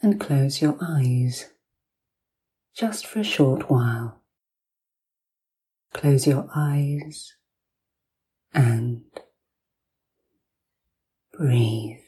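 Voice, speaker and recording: A woman host speaking softly and soothingly in a breathy, near-whispered voice, narrating guided hypnosis like a sleep story, with long pauses between short phrases. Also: extremely low pitch.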